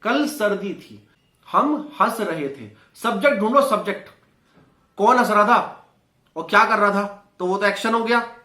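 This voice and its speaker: Bright-voiced man teaching in a roomy echo. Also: high-pitched. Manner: quizzing viewers with quick rhetorical questions. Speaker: English teacher. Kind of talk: spoken English lesson explained in Hindi.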